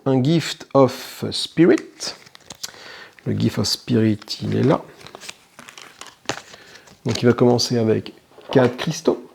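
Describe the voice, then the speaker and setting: This man hosts a board game channel and talks casually through a solo game, reasoning out loud with minor self-corrections. His mid-range voice is creaky and somewhat dark in tone.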